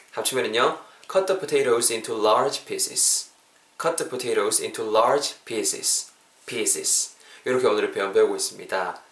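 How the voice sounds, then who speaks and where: A young man, hosting a podcast English lesson in a lively, chatty way and repeating phrases slowly for practice. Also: medium pitch. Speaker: English teacher and podcast host. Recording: roomy echo.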